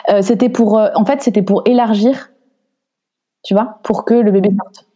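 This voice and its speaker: A woman's voice: mid-range voice, fairly even intonation, moderate pace, warm tone. A woman in her thirties telling a personal story in an interview, hesitant with many restarts, emotional and indignant.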